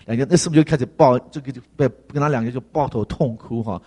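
A man's voice: medium pitch, fast talker, warm tone, slightly rough. A man preaching a sermon, telling a story and asking the congregation rhetorical questions, with frequent fillers.

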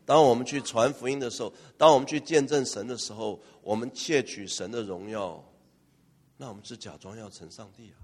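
Male pastor, mid-pitched, lively and joking, quizzing the congregation, long hall reverb. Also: a little fast, husky. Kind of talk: preaching a sermon.

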